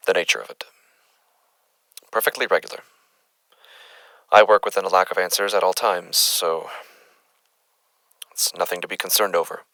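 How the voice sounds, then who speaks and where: A man's voice: low voice, creaky, bright, forceful tone, no echo, full character voice. A man playing an uneasy, methodical doctor who records case findings formally and hesitantly in a horror audio drama. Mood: anxious, self-reassuring.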